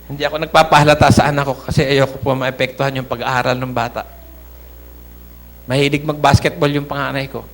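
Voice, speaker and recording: A man's voice: medium pitch, flat delivery, fast talker, gravelly, slight background noise. A middle-aged man from the Philippines giving an earnest church testimony, addressing the congregation as brothers and sisters.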